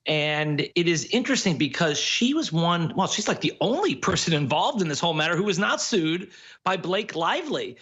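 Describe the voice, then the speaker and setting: A man giving legal analysis in a television news interview, explaining the case in quick, measured commentary. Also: fairly high pitch, a bit bright.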